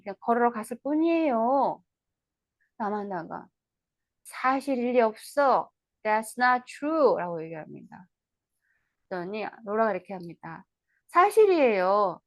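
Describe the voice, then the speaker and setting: A woman tutor giving an online lecture on an English play, reading lines slowly and explaining them in Korean, with questions to the viewers. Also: on the high side, no echo.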